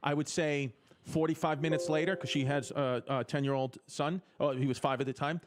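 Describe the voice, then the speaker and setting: A man's voice: fairly high pitch, fairly even intonation, a little fast. Crude rambling male comedian storyteller. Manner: crude, rambling, swears a lot. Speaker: stand-up comedian. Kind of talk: casual podcast storytelling.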